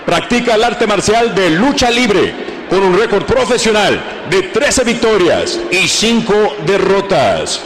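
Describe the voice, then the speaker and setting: A man's voice: high voice, a bit bright, low-quality recording. A man doing showy bilingual ring announcing in the manner of a lucha libre announcer, stretching out names for a fight. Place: live fight arena.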